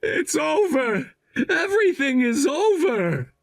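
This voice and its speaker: A man's voice: very high-pitched, sing-song, measured pace, a bit bright, full character voice. A man playing a disgraced, self-pitying husband in a dramatized story, whiny, defensive and desperate. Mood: desperate pleading.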